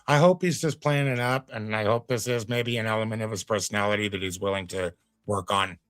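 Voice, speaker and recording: Laid-back low-voiced male streamer. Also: a little fast, fairly bright tone, no room sound. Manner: laid-back, chatty, preachy asides. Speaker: reaction streamer. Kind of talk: casual commentary on a clip.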